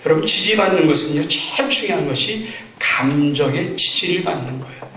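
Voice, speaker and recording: A man's voice: fairly high pitch, animated, fairly quick, bright, forceful tone. A man preaching a sermon as pastor, acting out parents and children as he talks. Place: church sanctuary. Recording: echoey church hall, distant mic.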